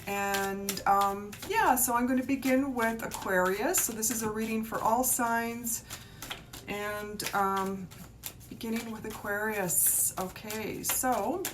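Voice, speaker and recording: A woman gives a casual, encouraging live tarot reading, chatting informally with viewers in a meandering way. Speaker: tarot reader and reiki healer hosting a live stream. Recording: live stream with clear rumbling noise.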